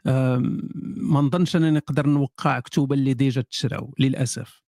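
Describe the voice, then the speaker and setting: A man's voice: medium pitch, steady tone, quick pace, a little mellow, dry recording, clean studio sound. A man with a Moroccan accent chatting casually on a live stream as an author answering viewers, sardonic, often repeating and restarting his phrases.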